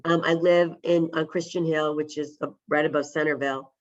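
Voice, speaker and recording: A man with a cold and a smoker's rasp, casually introducing himself in an online community meeting. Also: fairly high pitch, flat delivery, fairly quick. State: has a cold. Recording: dull, lo-fi video call audio.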